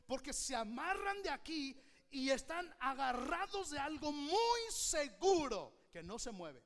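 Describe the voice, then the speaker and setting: A man preaching an animated sermon as pastor, often having the congregation repeat his phrases back to him. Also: extremely high pitch, measured pace. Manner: uses a hook prop and a volunteer as live illustrations.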